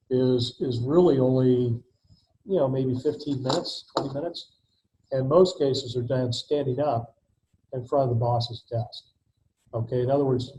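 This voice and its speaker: Mellow-voiced male lecturer on a call. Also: mid-range voice. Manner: fills pauses with "okay" and "uh". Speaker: adjunct professor. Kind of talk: recorded online lecture. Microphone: video call mic. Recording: dull lo-fi video call audio with faint noise.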